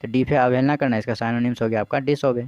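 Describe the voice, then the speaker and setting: A man's voice: medium pitch, steady tone, fast, darkish tone, clean tone, no room sound, dull audio. A man teaching as an exam coach, explaining English vocabulary in Hindi, asking his own questions, answering them, and spelling words out letter by letter.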